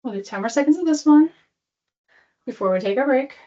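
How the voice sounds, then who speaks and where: High-voiced woman coaching a workout, peppy. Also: lively intonation, fairly quick, dark tone, highs cut off. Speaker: exercise class instructor. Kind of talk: workout coaching with cues and countdowns.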